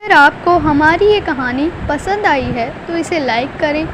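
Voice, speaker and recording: A woman narrating a cartoon story in a steady, scripted storytelling manner. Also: sits high, unhurried, background noise.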